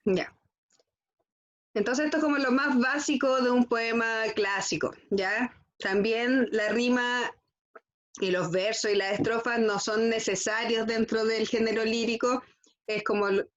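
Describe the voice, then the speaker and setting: A woman's voice: fairly high pitch, steady tone, a little slow, dull audio. A woman teaching a school lesson, constantly checking in with her students. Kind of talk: classroom lesson.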